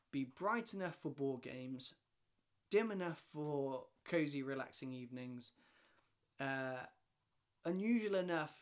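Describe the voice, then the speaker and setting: A man's voice: on the high side, fairly bright tone. A man in his thirties from the UK, a lighting design company director, chatting casually on camera from a living room with lots of restarts and fillers. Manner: chatty, rambling with many restarts and fillers, gestures a lot. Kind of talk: casual talking-head explainer. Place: home living room with shelves and a stove. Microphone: camera in front, head and shoulders framing.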